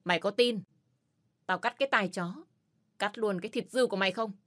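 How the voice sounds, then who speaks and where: A woman's voice: mid-range voice, fairly quick, a bit bright, close to an everyday voice. A woman voicing a fierce, protective man who hurls furious, swearing threats, in an audio story. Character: fierce protective adult man, foul-mouthed.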